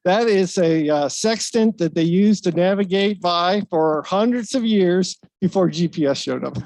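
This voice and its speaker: Man, high-pitched, dry close sound; casual rambling tribute speech, stumbles and chuckles at himself. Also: darkish tone, dry recording. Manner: rambling, self-deprecating, with fillers and laughs. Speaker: speaker at a retirement ceremony. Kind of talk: informal ceremonial speech. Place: event stage.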